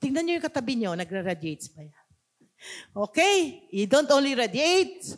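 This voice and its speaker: A woman's voice: sits high, very animated, moderate pace. A woman pastor with a Filipino accent preaching a sermon, switching between languages and asking the congregation questions. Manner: mixes two languages, asks the congregation questions.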